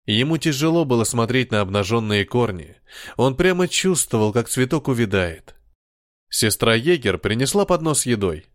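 A male narrator reads a novel aloud with lively, expressive intonation that rises and falls. His voice is mid-pitched and sits dry and close to the mic, with no room sound. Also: moderate pace, dry recording. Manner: expressive, varied storytelling. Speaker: audiobook narrator. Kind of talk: scripted narration.

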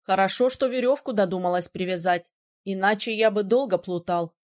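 A woman reading an audiobook, voicing a calm, teasing young male prince with a slightly lower, softer voice. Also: normal speed, natural voice.

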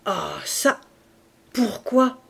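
An agitated male town mayor bursts out with urgent, bewildered questions, voiced by a woman reading aloud. His voice rises and grows louder against the calm narration. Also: medium pitch, very slow, vocal fry, husky, exaggerated voice.

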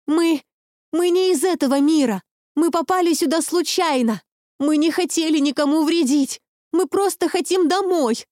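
A woman's voice: high-pitched, moderate pace, darkish tone, no room sound, studio quality, voice pushed up, natural voice. A woman voicing a desperate young woman in an audiobook, pleading urgently with a raised voice. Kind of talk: audiobook reading.

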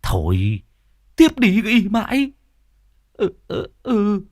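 A man voicing a boastful, clownish middle-aged man with a high, drawn-out, wailing delivery. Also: very animated, no room sound, studio quality, full character voice. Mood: mock wailing.

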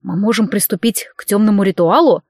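A woman's voice: medium pitch, fairly quick, darkish tone, no echo, studio quality, natural voice. A woman playing a sly talking tomcat. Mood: sardonic. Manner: sly, insolent, meowing undertone. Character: cheeky talking male cat, witch's partner.

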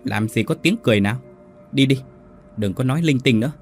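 A man's voice: medium pitch, fairly quick, soft background music, close to an everyday voice. A man voicing a brusque older brother who scolds his sibling in a spoken ghost story. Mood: gruff. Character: gruff older brother, tough tomb-digger.

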